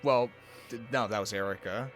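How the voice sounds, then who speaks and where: A man's voice: on the low side, moderate pace, music in the background. A man co-hosting a let's play, chatting casually and reacting to the game.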